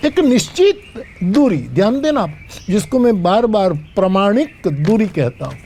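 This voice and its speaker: Slow, soft-voiced older preacher. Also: male voice, high-pitched, sing-song, slight background noise. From Gujarat, India. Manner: slow, measured storytelling with sung verses. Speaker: spiritual storyteller. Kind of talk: devotional discourse.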